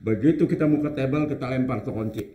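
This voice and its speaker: A man's voice: mid-range voice, quick pace. A man, a veteran comedian, telling a funny night-club story and quoting the people in it. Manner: animated anecdote teller, quotes characters. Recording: echoey room.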